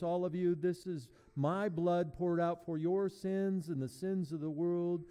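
A man serving as pastor, leading a sermon and communion in a measured, prayerful cadence, his voice ringing with a long echo in a large church. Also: fairly high pitch, warm tone. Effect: long echoing church reverb. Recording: long reverb in a large hall.

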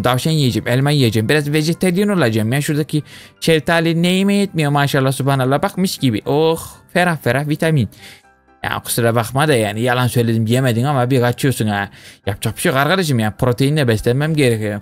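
A man commenting playfully on a game he plays, teasing others and often shouting high-pitched calls. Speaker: gaming YouTuber. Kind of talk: casual let's-play commentary.

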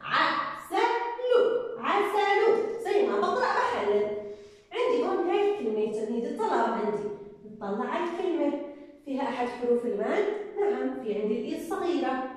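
A woman's voice: high-pitched, big pitch swings, fast, a little mellow. A woman teacher, patiently sounding out syllables in an early-grade reading lesson. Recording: echoey room from far off.

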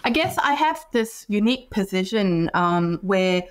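A woman's voice: medium pitch, expressive, a little slow. Thoughtful woman from Singapore on a video call. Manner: thoughtful, many fillers and restarts. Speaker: guest psychologist. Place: home office with bookshelf. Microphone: headset on video call.

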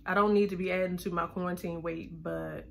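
A woman's voice: lowish voice, steady tone, fairly quick, creaky, a little hiss or hum. A woman talking with braces, chatting casually to her viewers. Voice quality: slight lisp. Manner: chatty, addresses viewers as y'all. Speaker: vlogger. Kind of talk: casual chat to camera.

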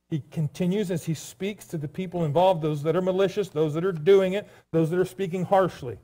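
A man's voice: fairly high pitch, a little mellow. A pastor giving a sermon in a church, talking casually to his congregation with jokes and asides. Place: church sanctuary.

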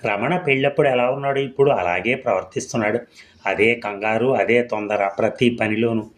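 A man narrating a short story in a measured, expressive storytelling manner. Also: medium pitch.

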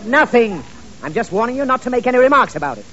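In a 1930s radio comedy, a man plays a flustered, exasperated father who is fussy, stammering, easily irritated and eager to please, giving instructions in a fussy mood. His exaggerated voice is extremely high, sing-song, fast and sharp. The recording is dull and noisy.

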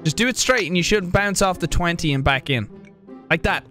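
A man's voice: sits high, lively intonation, fairly quick, loud music behind the voice. A man gaming casually with friends, talking shots through and yelping. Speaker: gamer in a group.

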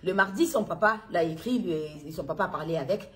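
A worried middle-aged mother from Congo, filmed at home on a phone, recounting events in a halting way with many restarts. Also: lowish voice, fairly bright tone. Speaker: worried mother making an appeal. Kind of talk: personal appeal video. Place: home interior, indoors. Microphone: phone at arm's length.

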